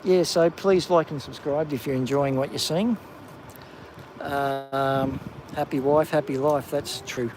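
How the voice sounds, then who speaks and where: A man casually hosting a live walking stream on a coastal clifftop, chatty with plenty of ums and excited whenever he spots something. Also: a little high, a little slow, background noise. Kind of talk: live walking vlog commentary. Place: outdoors on a coastal clifftop walk.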